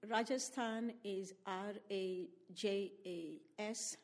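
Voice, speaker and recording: A woman's voice: mid-range voice, takes it slowly. A woman in her seventies from India with an Indian accent, recalling her family's story in an oral history interview at a library. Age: 70s. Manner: reflective, spells out names letter by letter. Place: public library room.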